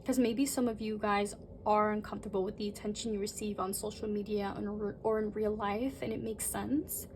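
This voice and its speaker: A woman giving a chatty, rambling tarot reading, speaking straight to her viewers and talking fast by her own account. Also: mid-range voice, fairly even intonation, a little mellow, slight background noise. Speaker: tarot reader. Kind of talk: casual tarot reading to camera.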